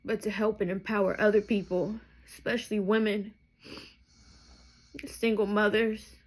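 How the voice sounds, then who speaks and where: This vlogger in her thirties opens up to her viewers about her life in an emotional personal testimony, frank and wandering with side remarks. She speaks in a mid-range voice with a level tone at a moderate pace.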